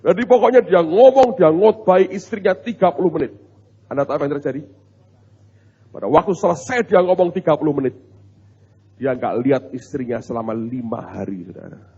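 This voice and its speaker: A male pastor, preaching in an animated, humorous storytelling way and talking straight to his congregation. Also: a little high, brisk, husky. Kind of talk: storytelling sermon. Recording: muffled recording in a reverberant hall.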